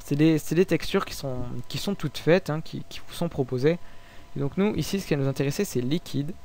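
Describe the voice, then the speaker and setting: A young man with a French accent talking through a software tutorial in a relaxed, informal way, full of hesitations and restarts. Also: on the high side. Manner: halting, many fillers and restarts, relaxed and informal. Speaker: tutorial maker. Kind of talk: casual screen-recorded software tutorial.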